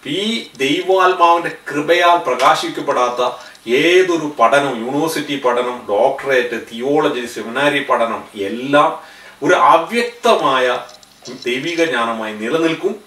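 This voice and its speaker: A man in his thirties preaches a sermon to camera in a studio in front of a backdrop, speaking earnestly, gesturing with both hands, and raising his voice on key phrases. His voice is a little high, a little slow, pushed and bright, and it sounds roomy, far from the mic.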